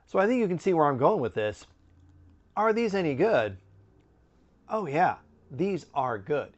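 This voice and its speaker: A middle-aged man giving a casual product review to camera, conversational, with musing pauses and asides. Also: a little high, very animated, muffled recording. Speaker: snack review video host. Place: indoor room with bookshelves.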